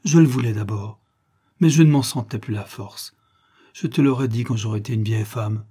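Audiobook role: man reading as a proud, tender young woman, hushed and earnest, mellow voice. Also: medium pitch, moderate pace, husky, natural voice.

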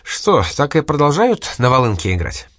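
A man reading aloud and voicing a sly, stubborn young woman, raising his pitch in a coaxing, teasing manner. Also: sing-song, moderate pace, fairly bright tone, dry recording, studio quality.

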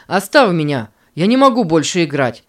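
Wounded, furious boy in a storybook reading, low and sharp, read by a woman. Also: sing-song, normal speed. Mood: angry. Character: angry hurt boy, bitter and distrustful.

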